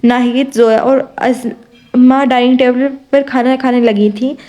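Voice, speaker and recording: A woman reads a romance novel aloud in a soft, mellow voice that sits a little high. Her telling is even and unhurried. She keeps most characters close to her own voice. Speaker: audiobook narrator. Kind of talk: audiobook narration of a romance novel.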